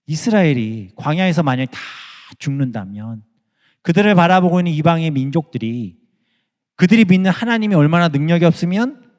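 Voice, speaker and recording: A man's voice: a little high, expressive, brisk, a little mellow, big-room sound, pitched above the performer's own voice, close to an everyday voice. Moses, a man voicing a humble plea. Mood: pleading. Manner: earnest, imploring. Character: humble pleading male leader Moses.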